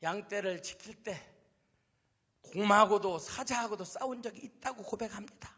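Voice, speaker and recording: A man pastor preaching a revival sermon, dramatic, swinging from quiet murmurs to shouts. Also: sits high, normal speed. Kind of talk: revival sermon with acted story. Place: large church hall. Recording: long hall reverb.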